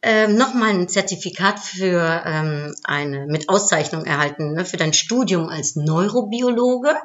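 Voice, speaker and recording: A woman's voice: fairly low pitch, expressive, a little slow, lo-fi sound. Enthusiastic woman podcast host. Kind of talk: podcast interview.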